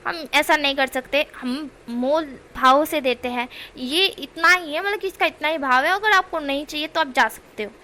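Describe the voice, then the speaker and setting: A woman voicing a stubborn male vegetable seller who firmly refuses to lower his price. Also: moderate pace, hardly any pauses, bright, forceful tone, a little hiss or hum. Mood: firm, exasperated.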